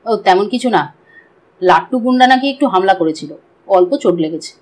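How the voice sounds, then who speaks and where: A woman's voice: medium pitch, expressive, normal speed, a little mellow, pitched below the performer's own voice, lightly acted, low-quality recording. A woman voicing a casual, reassuring young man in an audiobook, offhand and dismissive.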